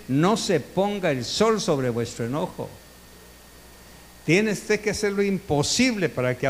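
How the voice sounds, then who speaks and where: A man preaching a sermon as pastor, animated, with emphatic questions put to the congregation. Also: fairly high pitch. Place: church sanctuary. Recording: long church reverb, faint hum.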